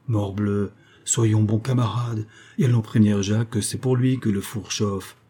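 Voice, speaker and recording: A man reading aloud, playing a bluff, good-natured church cantor who talks in loud, hearty exclamations. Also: fairly low pitch, fairly even intonation, moderate pace, husky.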